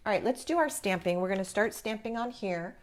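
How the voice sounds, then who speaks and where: A woman's voice: medium pitch, expressive, a little fast. A woman hosting a live craft tutorial, talking informally and encouragingly as she explains each step. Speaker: craft class host.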